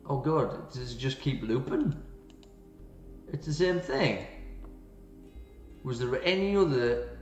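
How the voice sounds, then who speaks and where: A man's voice: mid-range voice, animated, slow pace, long pauses, a little mellow. A man playing through a game, reading its text aloud and reacting with playful, jokey asides. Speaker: gaming channel host. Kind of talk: let's play commentary. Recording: roomy, slightly dull, game music behind.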